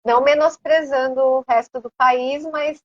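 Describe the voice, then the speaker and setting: A Brazilian woman with a Brazilian Portuguese accent, chatting as an interview guest, animated and rambling with many hesitant fillers. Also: sits high, unhurried, no echo, dull audio. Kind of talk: casual conversation.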